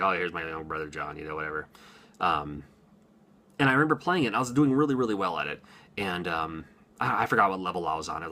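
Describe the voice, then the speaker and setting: He's a forties-aged gaming YouTuber from Washington, USA, casually rambling through an unscripted to-camera monologue with lots of ums and chuckles. His voice sits low and comes across pushed and bright.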